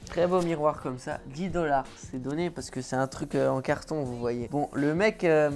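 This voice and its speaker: A man's voice: a little high, moderate pace, darkish tone, soft background music. A man from France talking to his viewers at home in a casual, joking, offhand vlog. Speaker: vlogger. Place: at home indoors.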